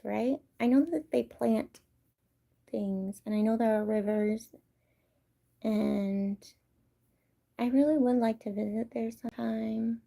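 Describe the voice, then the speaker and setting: A young woman from California chatting casually with her livestream viewers, soft-spoken and often slipping into whispers. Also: on the high side, creaky. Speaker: livestream host.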